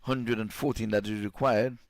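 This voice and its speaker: Low-voiced male cricket commentator, dry sound. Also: steady tone, normal speed, no room sound. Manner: rises sharply in pitch and volume at big moments. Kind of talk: live sports commentary.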